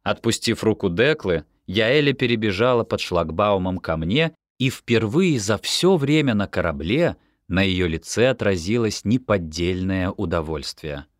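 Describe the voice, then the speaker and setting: A man reading an audiobook in first-person narration, expressive and animated. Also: on the low side, measured pace, few pauses, no echo, clean studio sound.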